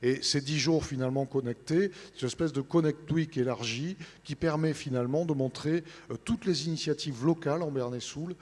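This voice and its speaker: A man presents an events programme as an interview guest, informally and haltingly, searching for words. His medium-pitched voice carries the long reverb of a large hall. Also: a little mellow. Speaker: interview guest representing a newspaper. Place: large studio set in a big hall.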